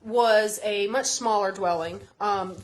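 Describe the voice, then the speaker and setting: A woman calmly explaining the history of an old house on a tour, with hedges and fillers. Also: mid-range voice, slow, rough recording. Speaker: history museum staff giving a house tour.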